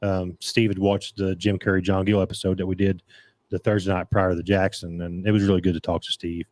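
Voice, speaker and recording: In a casual talk show about dirt track racing, the male podcast host speaks briskly in a low, flat, slightly mellow voice that's going a bit scratchy. No room sound is present, and he often rambles and restarts while reading out comments.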